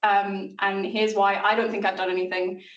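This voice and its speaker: Woman, late 20s, relaxed self-mocking seminar speaker, mid pitch, roomy hall, picked up from afar. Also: normal speed, muffled recording. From South Wales. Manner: chatty and self-deprecating, with filler ums. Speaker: invited seminar speaker, mathematics lecturer. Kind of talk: informal academic talk. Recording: roomy lecture room, mic at a distance.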